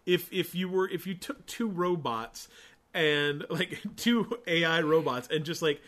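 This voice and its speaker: A man's voice: fairly high pitch, a little slow, a bit bright. Wry man riffing in casual chat. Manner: sarcastic, wry asides.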